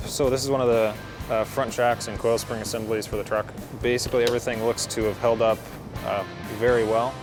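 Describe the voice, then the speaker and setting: A man's voice: mid-range voice, little pitch movement, brisk. A man giving an unscripted technical walkthrough as an engineer. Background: music.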